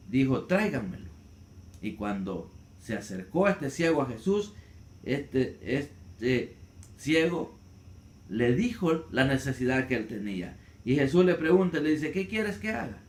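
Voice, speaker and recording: Earnest high-voiced preacher man in an echoey church. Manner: earnest preaching, rising to cries when quoting. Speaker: pastor. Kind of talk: sermon.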